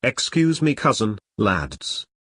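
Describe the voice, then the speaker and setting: A man's voice: fairly low pitch, big pitch swings, slow, fairly bright tone, breathy edge, no room sound, heavily acted. A man voicing a half-drunk, red-haired Irishman in his early thirties, with a thick Irish accent and a crude, cheeky swagger.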